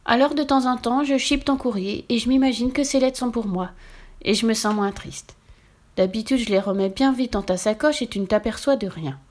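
A woman voicing a lonely, kind old forest witch in a storybook reading, with a high, cheery, sing-song manner. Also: normal speed, darkish tone, lightly acted. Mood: wistful.

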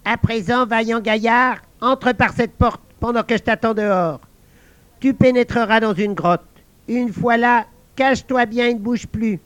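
A man voicing a magical female frog who calmly guides a soldier in a storybook tale. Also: very high-pitched, measured pace, clear, resonant tone, voice pushed up. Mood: coaxing. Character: magical helpful female frog, calm and encouraging. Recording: dull lo-fi dry recording.

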